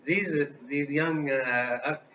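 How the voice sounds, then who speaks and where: Halting, bright-voiced man, distant lo-fi mic. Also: on the high side. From Illinois, US Midwest. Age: 30s. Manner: halting, full of fillers and restarts. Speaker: co-host of a live vlog. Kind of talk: rambling comedic chat. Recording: distant mic, dull lo-fi sound, faint hiss.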